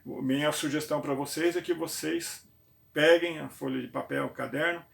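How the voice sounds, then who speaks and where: A man lectures a class, his voice a bit high and gravelly. He spells out letters and sounds slowly and keeps checking in with his listeners. The recording has the echo of a roomy classroom. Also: fairly even intonation. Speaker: theology teacher.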